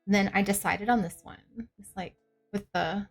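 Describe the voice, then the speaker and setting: A Canadian woman livestreams, chatting casually with her viewers in a cute, bubbly anime-streamer style. Her medium-pitched voice is gravelly and steady, at a normal speed, with soft music playing in the background.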